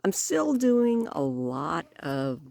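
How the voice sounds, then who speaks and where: Slow-talking woman lisping around new false teeth. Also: sits low, big pitch swings, creaky, darkish tone. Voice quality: slight lisp from newly fitted false teeth. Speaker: vlogger giving a personal update. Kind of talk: casual vlog chat.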